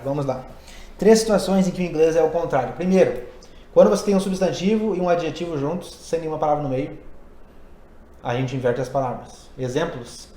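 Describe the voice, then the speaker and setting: A man's voice: on the high side, darkish tone. Man teacher explaining in a roomy space. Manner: conversational, thinks aloud with frequent "né?" tags. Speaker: English and Portuguese teacher, podcast host. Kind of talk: casual explanatory podcast chat. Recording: roomy echo.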